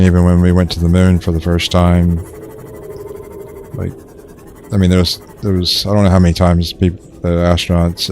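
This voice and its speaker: Casually streaming a survival game, a young man rambles in a low-key monotone, stumbling through fillers and restarts. Slight background noise is audible.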